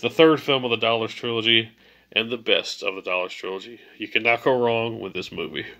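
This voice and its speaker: A man's voice: fairly low pitch, a little fast, creaky, bright, forceful tone. A man hosting a movie ranking video in a casual, enthusiastic way, sounding a little stuffy from a cold. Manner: enthusiastic, gushing praise. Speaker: movie list video host.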